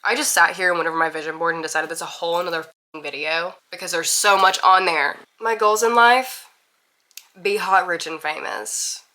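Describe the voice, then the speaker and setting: Young woman in her twenties from Mississippi, casual vlogger, bright and a touch low, candid chatter. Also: normal speed. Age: 20s. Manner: chatty, candid, laughs at herself. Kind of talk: casual to-camera intro vlog.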